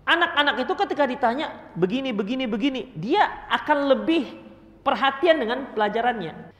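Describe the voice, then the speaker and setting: Male preacher, high lively voice, long hall reverb. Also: a little fast. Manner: animated, acts out parents and children in quotes. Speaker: Islamic preacher. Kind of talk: religious study lecture.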